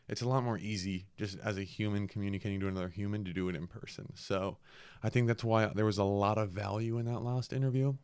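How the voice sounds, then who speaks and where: A man's voice: on the low side, clear, resonant tone, no echo. A young man hosting a podcast in a casual, reflective solo monologue, earnest and a bit congested and sniffly from a cold. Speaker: podcast host.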